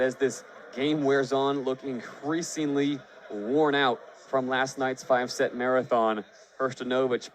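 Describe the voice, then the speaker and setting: In a low-quality recording with slight hiss or hum, a mid-range male voice calls baseball and volleyball live on the radio. He describes the action fluently as play-by-play announcer, lifting his voice for big plays.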